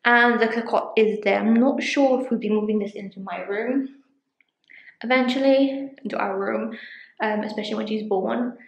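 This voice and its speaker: A woman's voice: mid-range voice, fairly even intonation, moderate pace, vocal fry, muffled recording. A woman, chatting casually in a rambling way with lots of ums while she shows a room in her home for a vlog. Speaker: vlogger. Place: small room in a home, indoors. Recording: echoey small room.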